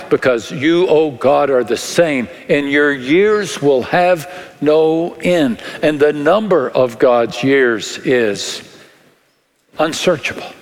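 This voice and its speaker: Slow-preaching West Texas man in a reverberant hall. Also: medium pitch. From West Texas, United States. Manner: measured, deliberate, with short phrases and dramatic pauses. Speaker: pastor. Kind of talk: sermon. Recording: long echoing reverb of a large hall.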